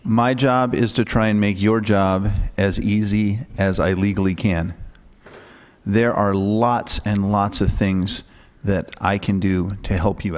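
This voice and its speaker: Speaking into a microphone, a male pronouncer patiently explains the rules to young spellers before a spelling bee, often checking in with "okay?". His voice is on the low side and a little mellow.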